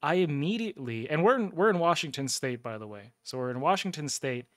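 A man's voice: a little high, animated, fairly quick, fairly bright tone, no echo, studio quality. A man telling a loose, profane story on a casual gaming livestream, chuckling and sipping a drink as he goes. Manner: sips a drink between lines. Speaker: gaming streamer.

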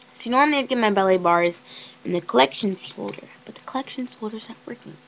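A young woman giving chatty, excitable commentary over a life-sim game she is playing. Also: medium pitch, poor audio. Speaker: let's play gamer.

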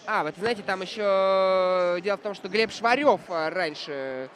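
A man commentating live on ice hockey, reflective and analytical, often pausing mid-sentence to find his words. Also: sits high, fairly bright tone.

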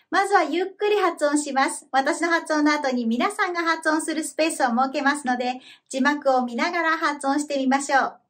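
A woman presenting a scripted language lesson, speaking clearly and carefully and slowing down to model pronunciation. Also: sits high, a bit bright. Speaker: language teacher.

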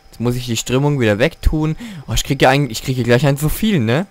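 A man talking his way through a video game at home in casual commentary. He is excitable, grumbles and swears when things go wrong, and chats to his viewers in between, his pitch sitting mid-range. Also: fast talker. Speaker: let's play gamer.

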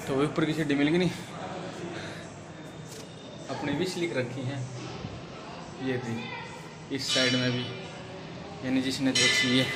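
Walking through temple grounds and stairwells, inside and outside, a young man vlogs casually with his phone at arm's length, chattily narrating and addressing viewers as "brother." The voice is mid-range, flat and unhurried, broken by frequent pauses, and heavy background noise surrounds it.

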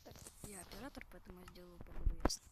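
A woman's voice: fairly low pitch, very fast. A woman hosting a casual gaming chat, talking in a teasing, playful way. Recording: loud background noise with clicks.

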